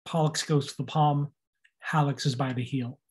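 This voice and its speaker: A man records an anatomy lecture over his slides. He spells out and repeats each term, stressing how it is pronounced. He talks in a plain, even teaching voice. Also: on the high side, moderate pace.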